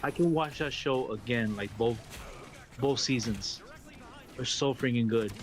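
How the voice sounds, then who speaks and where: A Brooklyn man with a New York accent, chatting on a gaming stream, excitable and laughing, repeating words and calling people "bro". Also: medium pitch, unhurried, a little hiss or hum. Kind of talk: casual gaming stream chat.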